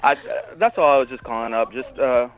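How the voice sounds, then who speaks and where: A man's voice: medium pitch, quick pace, phone-quality sound. A man from Chicago calling in to a talk show with casual, friendly remarks. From Chicago, USA. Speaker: phone-in caller.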